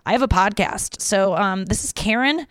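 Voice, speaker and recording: A woman's voice: medium pitch, normal speed, a bit bright, dry recording. A woman hosting a podcast, chatting frankly with plenty of swearing and reading listener messages aloud. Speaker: podcast host. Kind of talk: casual chat.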